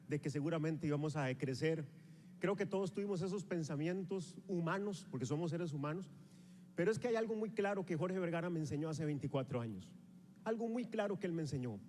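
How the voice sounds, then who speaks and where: This motivational stage speech comes from a high-voiced man from Costa Rica, in his forties, speaking Costa Rican Spanish at a sales rally. He holds a handheld microphone, paces the stage of a large convention hall, and gestures while rallying the live crowd with energy. The recording has the reverberant sound of the hall.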